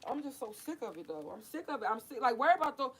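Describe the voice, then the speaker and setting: Young woman going off on a heated preachy rant, cussing a lot, kinda high voice. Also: very animated, fast talker, fairly bright tone, slight background noise. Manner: fiery, swearing, repetitive, preachy. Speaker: vlogger. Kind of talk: heated ranting monologue.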